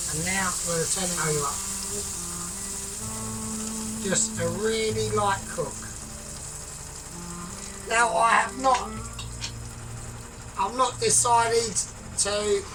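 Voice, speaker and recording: A home cook and vlogger with a croaky, mid-range voice chats casually while cooking in her kitchen, judging a bake-off. She rambles, repeats herself, and keeps tagging "right?" onto her sentences. The mic is distant, with background noise and clear music playing behind her.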